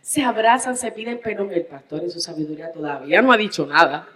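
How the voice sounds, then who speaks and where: A woman preacher with a Puerto Rican accent delivering a sermon as dramatic storytelling, swinging between hushed tones and drawn-out, emphatic stresses. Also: lowish voice, poor audio. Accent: Puerto Rican Spanish.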